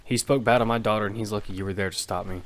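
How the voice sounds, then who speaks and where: A man playing Damian's part in an audio drama, a gruff, protective father fighting as a contestant in a battle game. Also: on the low side, steady tone, very fast, fairly bright tone, a little hiss or hum, natural voice. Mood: firm, resentful. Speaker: narrator and lead actor. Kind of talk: first-person audio drama narration and dialogue. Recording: music behind the voice. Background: prominent music.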